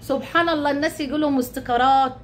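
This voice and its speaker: Egyptian woman vlogger, high voice, rapid chatty delivery, keeps swearing it's true. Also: fairly even intonation, slight background noise. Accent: Egyptian Arabic. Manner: chatty, swears oaths, calls viewers dear ones. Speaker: YouTube channel host. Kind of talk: casual talk to viewers.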